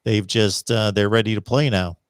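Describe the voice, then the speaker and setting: A man's voice: fairly low pitch, fairly even intonation, moderate pace, smooth, no echo, studio quality. A man hosting a call-in sports show in a casual, conversational style.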